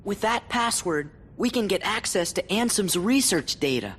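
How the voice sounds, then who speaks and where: A man's voice: high voice, sing-song, normal speed, a bit bright, a little hiss or hum. An actor voicing a spirited, frank teenage boy hero in a video game cutscene.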